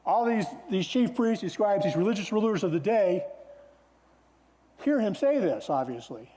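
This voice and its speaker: A man preaching a sermon as pastor, in a relaxed, conversational storytelling way. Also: sits high, moderate pace. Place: church sanctuary. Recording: long church hall reverb.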